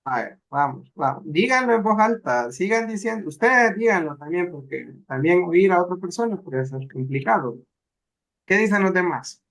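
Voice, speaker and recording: A man teaching a language class, speaking slowly and patiently and repeating words aloud so students can hear them. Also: high-pitched, animated, gravelly, fairly bright tone. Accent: Salvadoran. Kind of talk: live class instruction.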